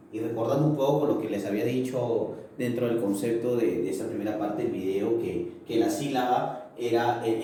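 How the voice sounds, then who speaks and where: A man's voice: medium pitch, mellow, a little hiss or hum. A male language teacher explaining a lesson and checking understanding with frequent tag questions. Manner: explanatory, keeps asking "¿correcto?". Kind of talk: recorded video lesson. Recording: very echoey room, mic far off.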